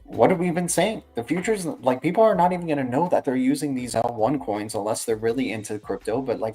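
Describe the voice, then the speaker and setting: A man's voice: mid-range voice, a little mellow. A man hosting a livestream with casual, slangy market commentary, rambling along and tagging phrases with "right" and "man". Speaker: livestream host.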